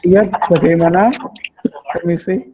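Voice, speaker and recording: A man's voice: high-pitched, steady tone, normal speed, noisy background. A man hosting an online competition on a video call, announcing finalists in a formal, polite way. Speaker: host. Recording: reverberant room on a call.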